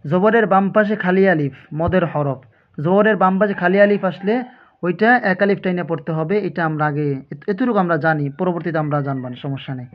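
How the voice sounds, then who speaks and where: A man teaching Quran reading, slowly spelling out each letter and vowel mark and then blending the syllables. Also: high voice. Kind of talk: slow spelling-out recitation lesson. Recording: dull lo-fi sound.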